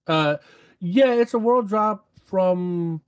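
A man with a fairly high voice chats about a game in a loose, rambling way. He stumbles over himself, fills gaps with ums, and circles back mid-sentence. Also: very slow, smooth. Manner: rambling, filler-heavy, restarts often. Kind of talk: casual gaming chat.

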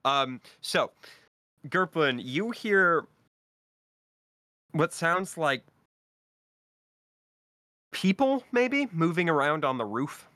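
A man's voice: on the high side, very animated, pushed and bright, no room sound, clean studio sound. Laid-back man running a tabletop game. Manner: casual, laughing easily, halting with fillers. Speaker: game master.

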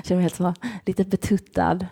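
A woman's voice: fairly low pitch, little pitch movement, vocal fry, mellow, slightly rough. A woman in casual conversation, animatedly telling a story and laughing often. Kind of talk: casual chat.

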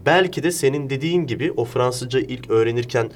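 Male host, casual explainer using examples and questions, average pitch, noticeable rumble behind. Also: brisk. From Turkey. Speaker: interview host. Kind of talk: casual conversational interview.

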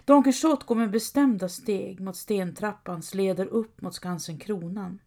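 A woman calmly reading a scripted historical story as its narrator. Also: mid-range voice. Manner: calm, measured reading.

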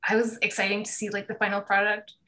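A woman on her first podcast, a bit nervous and excitable as she talks about her painting work. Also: medium pitch, quick pace. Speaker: podcast guest, background painter. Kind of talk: casual podcast chat.

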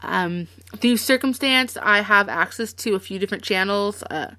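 A woman's voice: mid-range voice, normal speed, sharp tone, no room sound. A woman hosting a podcast in casual chat, chatty and rambling with frequent laughs. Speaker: podcast host.

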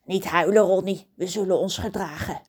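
A woman's voice: on the low side, moderate pace, darkish tone, husky. A woman voicing a cheeky, mischievous male crow in a storybook, teasing and boastful. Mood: coaxing. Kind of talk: storybook character voice.

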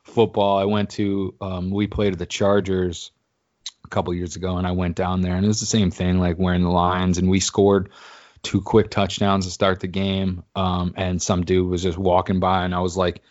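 A man's voice: low voice, completely flat delivery, normal speed, a little mellow. A man in casual chat, telling rambling, profane sports stories. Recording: dull lo-fi sound.

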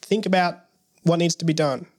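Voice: mid-range voice, moderate pace, darkish tone. A young adult early childhood educator, a guest on a casual podcast, talking hesitantly with many restarts and wry jokes.

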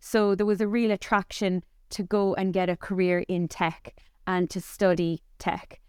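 A woman's voice: medium pitch, flat delivery, normal speed, darkish tone, clear, resonant tone, no echo, studio quality. A woman in her forties with a Cork Irish accent, chatting candidly as a podcast guest about her career. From Ireland. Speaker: podcast guest, company founder. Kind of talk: conversational interview.

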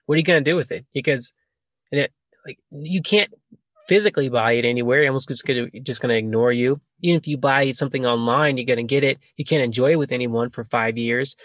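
Man, podcast host, rambling, laughs a lot, mid-pitched, dry close mic. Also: quick pace, a bit bright, no echo. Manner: rambling, laughing, self-correcting. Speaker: podcast host asking questions. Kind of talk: casual podcast chat.

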